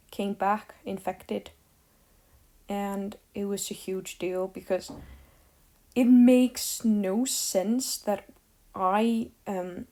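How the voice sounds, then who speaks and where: A woman's voice: medium pitch, warm tone. A teenage girl from Iceland ranting casually to the camera, rambling with lots of fillers and a sarcastic edge. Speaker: vlogger.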